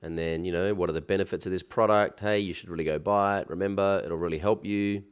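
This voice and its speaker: Low, congested, pinched-nose male tutorial voice. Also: fairly even intonation, fast, clean tone. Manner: chatty, informal, with slangy asides. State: recovering from a cold. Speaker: software tutorial instructor. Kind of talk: casual screen-share tutorial.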